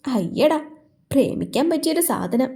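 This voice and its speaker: A woman voicing a devoted young heroine in a storybook romance, speaking softly and with feeling. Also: fairly high pitch, normal speed, close to an everyday voice. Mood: teasing.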